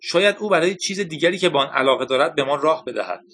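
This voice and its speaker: An eager young male computer whiz in an audiobook offers an idea, his voice lifted higher, as a male narrator reads him. The tone is bright. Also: expressive, a little hiss or hum. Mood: hopeful.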